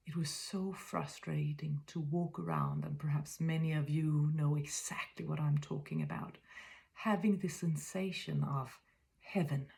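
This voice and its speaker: Her voice is low and creaky, her tone steady: a woman in her fifties from Denmark, Danish-accented, musing in a spiritual monologue. She talks softly, often whispering, and hesitates as she reaches for words.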